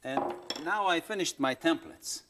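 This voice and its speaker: A man's voice: a little high, lively intonation, a little slow, noisy background. A man patiently demonstrating woodworking step by step, speaking plain English with non-native phrasing, heard from a worn videotape copy. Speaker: woodworking instructor.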